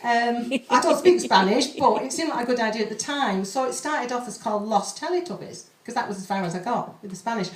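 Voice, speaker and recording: A woman's voice: a little high, recorded from a distance. A woman poet chatting in a rambling, nervous, self-deprecating way to an audience as she introduces her poems at an open mic. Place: live open mic room. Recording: echoey room, off the mic.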